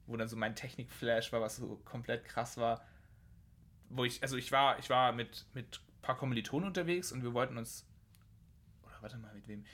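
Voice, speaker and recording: Guy in his twenties, bright sharp voice, slangy and hyped while chatting. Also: mid-range voice, moderate pace. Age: 20s. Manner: slangy, enthusiastic storyteller. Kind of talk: casual chat.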